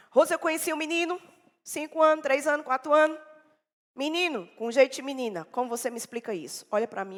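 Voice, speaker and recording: A woman preacher giving a sermon in a church, telling a story dramatically and swinging between loud and hushed delivery. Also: mid-range voice. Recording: echoey church hall.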